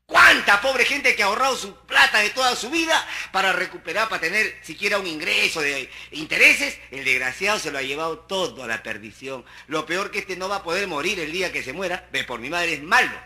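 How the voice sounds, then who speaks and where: Middle-aged Peruvian stand-up, rowdy teasing monologue, bright cutting tone. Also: male voice, sits high, animated, a little fast, hardly any pauses. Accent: Peruvian Spanish. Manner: loud, rowdy, teasing the listener. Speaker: stand-up comic. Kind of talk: street comedy monologue.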